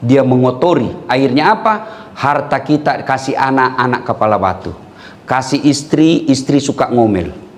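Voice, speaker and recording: A man's voice: medium pitch, moderate pace, a little hiss or hum. A male preacher giving a humorous sermon, telling jokes and stories and acting out the voices of different characters. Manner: animated, joking storytelling with acted-out voices.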